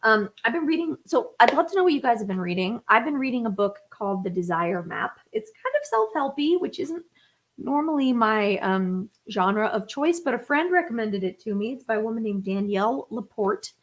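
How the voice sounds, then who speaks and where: A woman's voice: fairly high pitch, sing-song, moderate pace. A woman in her thirties chatting casually on a live stream, thinking aloud with fillers and restarts. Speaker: singer-songwriter livestream host. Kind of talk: casual livestream chat. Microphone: webcam or phone on a live stream.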